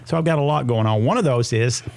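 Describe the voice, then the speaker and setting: Gravelly older man hosting radio. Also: mid-range voice, quick pace, darkish tone. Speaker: radio host. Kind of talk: casual radio health talk.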